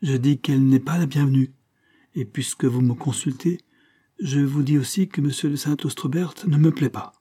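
A man's voice: mid-range voice, steady tone, moderate pace, dark tone, slightly rough, lightly acted. A male reader voicing a frightened nineteen-year-old daughter who pleads with her father and refuses a suitor. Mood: defiant. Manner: imploring, rising to emphatic refusals. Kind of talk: audiobook character reading.

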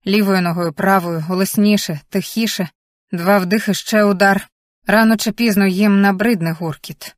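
A woman's voice: mid-range voice, no room sound, studio quality. A woman reading a first-person story aloud as an audiobook narrator, in a tense, vivid present-tense manner.

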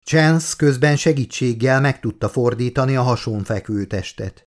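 A man narrating his own book as an audiobook, steady and measured. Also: mid-range voice.

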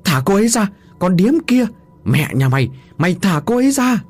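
A man voicing a bound, desperate young man who begs and shouts in a frantic voice. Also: mid-range voice, sing-song, moderate pace, slightly rough, no echo, faint music behind. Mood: enraged.

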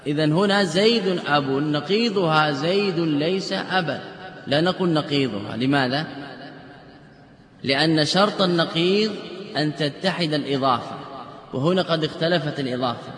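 A man's voice: fairly high pitch, normal speed, fairly bright tone. A man teaching a classroom lecture on logic, explaining step by step with example sentences and rhetorical questions. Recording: echoey hall with long reverb.

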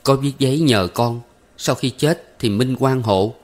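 A man's voice: medium pitch, a little slow, darkish tone, voice pushed up, lightly acted. A man voicing an anxious young man who humbly pleads with his elders. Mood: pleading.

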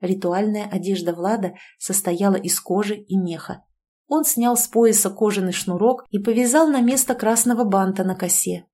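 Female audiobook narrator, first-person fantasy romance; gentle and even, mid-pitched. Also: normal speed.

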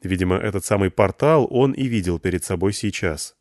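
A man reading an audiobook narration with expressive, varied intonation. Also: deep voice, a little fast, dry recording, studio quality. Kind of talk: scripted narration.

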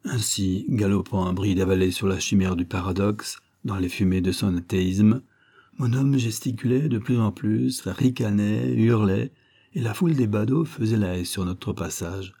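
A man narrating a literary story in a measured reading voice. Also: on the low side, dark tone. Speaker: audiobook reader.

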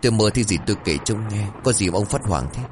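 Casting: an older wife, tired and fussy, voiced by a male narrator, deep tone. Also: very fast, background noise, close to an everyday voice. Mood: concerned. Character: older wife, tired, fussing over husband.

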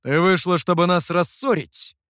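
A man voicing a stern, menacing dark master who speaks in a threatening way in an audiobook. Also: high-pitched, moderate pace, dry recording, studio quality, voice pushed up.

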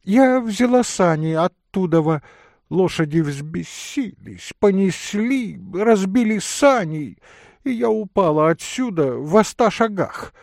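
A man voicing a shrill, chattering society lady. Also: expressive, slow pace, vocal fry, darkish tone, dry recording, clean studio sound, full character voice. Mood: gushing. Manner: chirping, breathless, gushing. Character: flighty chattering lady caught in a lie. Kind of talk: audiobook character reading.

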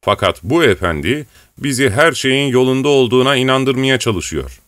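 A man's voice: medium pitch, animated, moderate pace, fairly bright tone, dry recording, studio quality, pitched above the performer's own voice, lightly acted. A man doing a spiteful old rebel. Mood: vindictive. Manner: accusing, vindictive.

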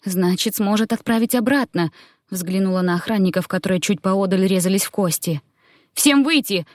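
A woman's voice: medium pitch, fairly even intonation, brisk, darkish tone, no echo, studio quality. A woman narrating an audiobook in the first person, with tense, dramatic storytelling.

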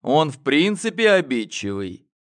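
A man voicing a shrewd, calm elder male telepath in an audiobook. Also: a little high, a little slow. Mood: measured, commanding. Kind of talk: audiobook character voice.

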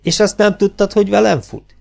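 A man voicing a hot-tempered young cabaret actress, shrill and indignant, reading a storybook novel aloud. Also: creaky, darkish tone, faint music behind. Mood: scornful. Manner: shrill, indignant, quick to take offence.

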